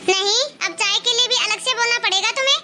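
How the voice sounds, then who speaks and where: A woman's voice: extremely high pitch, fast, sharp tone, faint music behind, full character voice. A woman voicing a nagging village mother-in-law in a cartoon, scolding and taunting her daughter-in-law. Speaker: cartoon voice actor. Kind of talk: cartoon moral-story dialogue.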